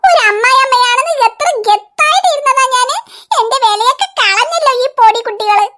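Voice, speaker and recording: A woman's voice: very high-pitched, lively intonation, a little fast, pushed and bright, exaggerated voice. A woman voicing a fussy, proud old grandmother in a cartoon, coaxing a grandchild and then scolding and pitying herself. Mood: self-pitying. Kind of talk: cartoon voice acting.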